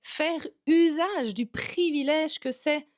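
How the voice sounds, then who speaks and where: In this talking-to-camera vlog, a yoga teacher and content coach with a Swiss French accent takes her time, speaking slowly in a high, bright-toned voice. Her manner is direct, lively and casual, and the sound is dry and close with almost no echo.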